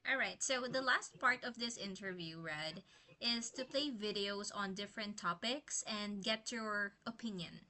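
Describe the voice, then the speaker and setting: A woman hosting an interview, briskly introducing clips and asking for opinions. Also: mid-range voice, sharp tone. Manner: brisk, moving the talk along.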